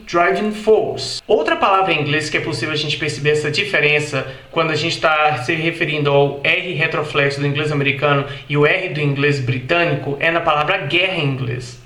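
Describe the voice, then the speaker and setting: A man with a Brazilian Portuguese accent giving an explanatory video lesson, repeating example words slowly and carefully. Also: fairly high pitch, bright, forceful tone, roomy sound. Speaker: English teacher.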